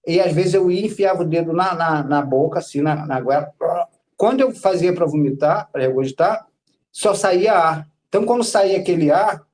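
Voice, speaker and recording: Brazilian guy rambling thru his story on a podcast, lots of fillers, kinda high voice. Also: darkish tone. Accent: Brazilian Portuguese. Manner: rambling, repeats filler words. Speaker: podcast guest, patient. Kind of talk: casual storytelling interview.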